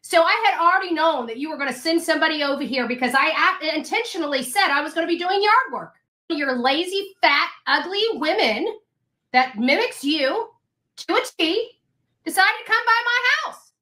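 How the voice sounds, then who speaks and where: This online commentator's voice is very high-pitched, pushed, and bright, with lively intonation at a moderate pace. She rants and gives advice to camera without a script, emphatic, repetitive, and confrontational, in a room with echo and faint noise.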